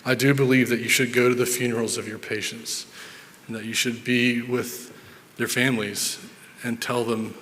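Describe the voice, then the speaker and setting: Man, doctor at a conference, earnest storyteller, mid pitch, long hall echo. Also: level tone, moderate pace, fairly bright tone. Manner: earnest, repeats words while thinking. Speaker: neurologist giving a conference talk. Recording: reverberant hall sound.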